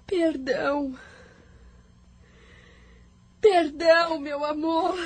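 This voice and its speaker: A desperate young woman sobs and pleads in a radio play, played by an actress. Her voice sits very high and her anguished words come out very slowly. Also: full character voice. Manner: sobbing, pleading, slow anguished delivery. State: crying. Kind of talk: radio drama acting.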